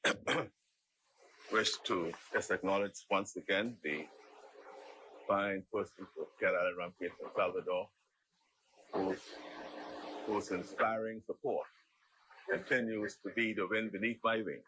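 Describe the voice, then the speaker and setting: A man with a Bahamian accent speaking in parliamentary debate, emphatic and repetitive, with halting phrasing. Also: fairly low pitch, steady tone, pushed and bright, breathy edge, poor audio. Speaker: member of parliament. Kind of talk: impromptu parliamentary debate speech. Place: legislative chamber.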